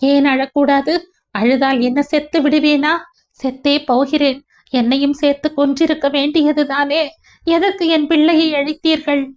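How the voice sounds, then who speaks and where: A woman's voice: high-pitched, steady tone, unhurried, pitched above the performer's own voice. Woman doing a distraught young mother. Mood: anguished fury. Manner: distraught, pleading, accusing. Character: young pregnant woman, grief-stricken and furious. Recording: dull lo-fi recording.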